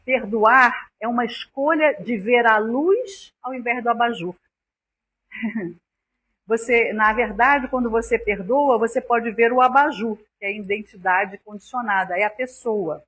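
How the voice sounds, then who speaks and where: A woman's voice: fairly high pitch, measured pace, a bit bright, slightly rough. A woman with a Brazilian accent giving a spiritual lecture on forgiveness, earnest and acting out little scenes in quoted voices. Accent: Brazilian Portuguese.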